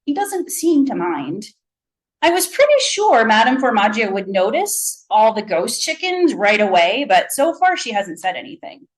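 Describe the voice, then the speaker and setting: A woman, an author, reading her fiction aloud with lively storytelling. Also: on the high side, normal speed. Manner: lively storytelling, voicing a child narrator. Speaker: author and faculty reader.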